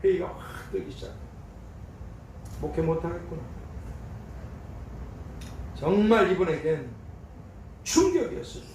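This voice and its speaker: A male pastor delivers a sermon in a high voice that swings widely, dramatically acting out voices and questions. His voice rings through an echoey church sanctuary and sits at a distance from the mic. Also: sing-song, measured pace, long pauses, darkish tone, slight background noise. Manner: dramatic, acts out voices of God and a troubled pastor.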